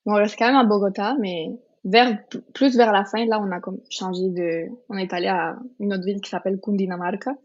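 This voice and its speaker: A woman's voice: mid-range voice, steady tone, fairly quick, few pauses. Young woman from Colombia, earnest chat. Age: 20s. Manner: earnest, many fillers and restarts. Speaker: podcast guest. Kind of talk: casual testimony chat. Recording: slightly dull lo-fi sound.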